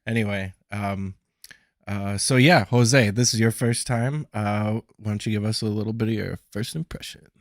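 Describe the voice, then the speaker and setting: A man's voice: fairly low pitch, normal speed, no echo, studio quality. Laid-back man hosting a podcast. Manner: relaxed, filler-heavy, friendly moderating. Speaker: podcast host. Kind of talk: casual podcast discussion.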